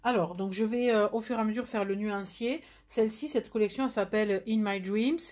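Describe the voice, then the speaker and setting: A woman's voice: medium pitch, fairly even intonation, brisk, darkish tone. A woman with a southern French accent, chatting through a live nail polish demo with many fillers and restarts. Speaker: nail product seller.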